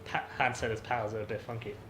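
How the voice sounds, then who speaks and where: A man playing a video game while chatting casually as co-host, excitable with sudden high yelps and laughs. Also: quick pace. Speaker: gameplay co-host and player. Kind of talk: casual gameplay commentary. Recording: echoey room with background noise.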